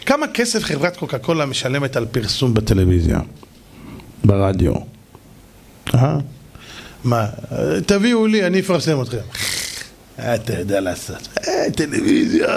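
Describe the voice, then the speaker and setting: A middle-aged man, a rabbi, telling stories in a lively sermon and acting out the people in them. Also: fairly high pitch, husky. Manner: animated, acts out shouting voices, jokes with audience. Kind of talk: storytelling sermon.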